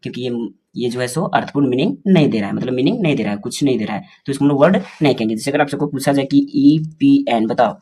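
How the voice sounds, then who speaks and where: A male teacher explains basic English grammar, asking the class questions and answering them himself, and slowly spelling out words letter by letter. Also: medium pitch, lively intonation, dark tone, breathy edge.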